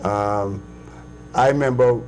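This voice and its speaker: A Bahamian man in his sixties, an interview guest, speaking emphatically, with restarts and sudden rises in pitch. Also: takes it slowly, a little mellow, a little hiss or hum, rough recording. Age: 60s. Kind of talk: conversational interview.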